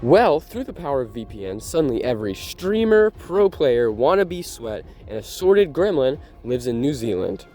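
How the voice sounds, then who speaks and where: A sick, congested man giving casual gaming commentary with an animated, sarcastic ranting manner. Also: medium pitch, moderate pace, few pauses, faint music behind. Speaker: gaming YouTuber.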